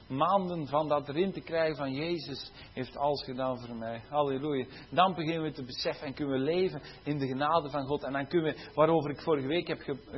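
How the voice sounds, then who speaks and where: A man's voice: a little high, lo-fi sound, a little hiss or hum. A man preaching a sermon, swelling into fervent cries of hallelujah and dropping into conversational asides where he corrects himself. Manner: rising to fervent exclamations of hallelujah.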